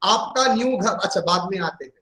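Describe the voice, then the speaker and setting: High-voiced man teaching in an echoey room. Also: lively intonation, bright, forceful tone. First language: Bengali. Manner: repeats definitions slowly, calls students "beta". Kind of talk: classroom accounting lesson.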